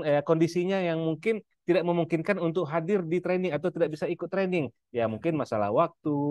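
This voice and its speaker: A man's voice: on the high side, a little mellow, no room sound. A man from Indonesia casually promoting an inheritance-law training course to a live audience. He addresses listeners directly and fills his talk with "nah" and hesitations.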